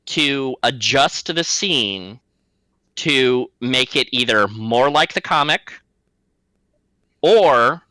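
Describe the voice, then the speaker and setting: A man running a tabletop game, narrating scenes and walking players through rules with clear explanations. His voice is bright and forward. The sound is close and dry. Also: mid-range voice, no room sound, rough recording. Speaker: game master.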